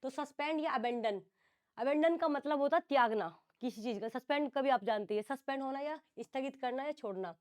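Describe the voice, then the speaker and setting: Woman teacher, high voice, online class, explains each term twice in two languages. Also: a little fast. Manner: explains phrasal verbs, calls on students by name, repeats words in English and Hindi. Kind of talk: online exam-prep class.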